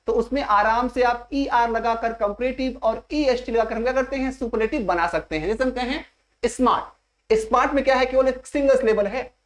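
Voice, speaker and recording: A woman teaching an English grammar lesson in an exam coaching class. She steps through each point slowly and keeps asking the class rhetorical questions. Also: a little high. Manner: slow and repetitive, spelling out each step.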